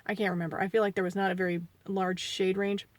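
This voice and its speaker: A beauty vlogger in her forties, a bit sniffly from allergies, chats and rambles through a casual foundation review, poking fun at herself and going quieter and mumbly while she applies it. Her medium-pitched voice stays fairly level and she talks fast, with no echo on the recording.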